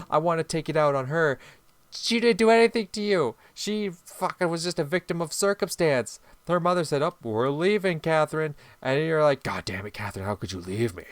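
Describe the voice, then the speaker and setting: A man's voice: high-pitched, smooth, dry recording. A young man commenting on a visual novel playthrough, heated, laughing and swearing a lot. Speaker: gaming YouTuber. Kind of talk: let's play commentary.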